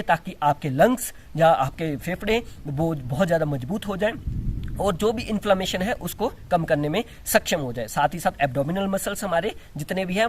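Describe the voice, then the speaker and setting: A man teaching yoga and breathing exercises, explaining step by step with frequent restarts and demonstrating as he talks. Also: high-pitched. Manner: demonstrates exercises while talking. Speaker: yoga instructor. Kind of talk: instructional demonstration.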